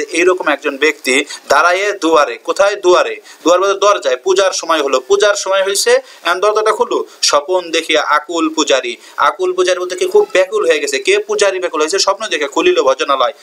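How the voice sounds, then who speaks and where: A man's voice: high voice, quick pace, a bit bright. A man teaching a poem line by line. He reads each verse, then asks and answers his own questions to explain it.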